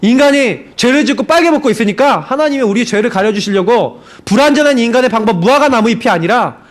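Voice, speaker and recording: A middle-aged man, a pastor, preaching a sermon and telling a personal story, moving between loud outbursts and hushed prayerful lines. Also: extremely high pitch, animated, quick pace. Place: church sanctuary.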